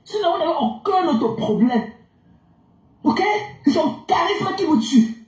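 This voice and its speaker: High-voiced woman hurling insults. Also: animated, a little slow, a little mellow, roomy sound, poor audio. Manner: insulting, scornful. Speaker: live stream participant. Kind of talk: heated online argument.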